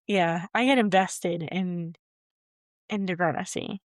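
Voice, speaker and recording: A woman co-hosting a podcast talks in a fairly low voice at a slow pace during a casual chat, rambling, sounding unsure and laughing a lot. The close mic gives a dry recording with no room sound.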